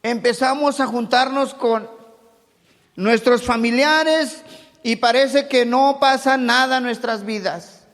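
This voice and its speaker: A high-voiced man preaching in a church hall, his words trailing into a long reverb. He speaks with a Mexico City Spanish accent and moves between loud preaching and quiet asides to the congregation. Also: slow pace. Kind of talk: sermon.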